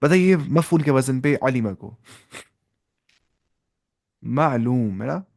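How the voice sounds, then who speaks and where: A man's voice: medium pitch, expressive, slow pace, creaky, darkish tone. A young man teaching an Arabic grammar class to students, explaining each step, asking questions and mixing in English terms.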